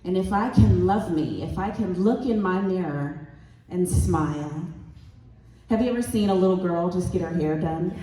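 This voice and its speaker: A woman's voice: fairly low pitch, moderate pace, warm tone. A woman speaking on a convention panel as the parent of a child who stutters, earnest and heartfelt. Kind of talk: panel discussion talk. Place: convention hall stage. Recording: echoey hall, voice far from mic.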